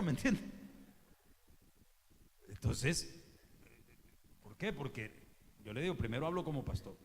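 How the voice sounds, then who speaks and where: Salvadoran pastor preaching in a reverberant hall. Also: male voice, fairly high pitch. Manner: emphatic, slangy, joking asides. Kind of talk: sermon. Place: church hall. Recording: long church-hall reverb, faint background noise.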